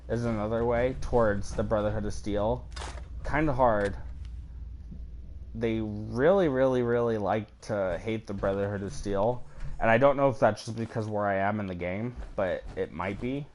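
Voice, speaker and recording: A man's voice: on the low side, moderate pace, darkish tone, slight background noise. A man casually talking through a game as a let's play host, rambling and swearing offhandedly, with the hiccups. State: has the hiccups. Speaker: gaming channel host.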